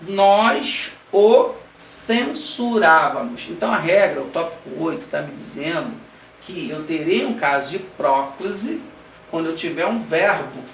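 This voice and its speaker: A man teaches an exam-prep grammar lesson, checking in often with his class and slowing down to spell out each example word by word. His voice sits on the high side, and he is heard from a distance in a roomy space with some faint noise behind him. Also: expressive, creaky, a bit bright. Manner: explains step by step, checks in often with "tá?" and "ok?".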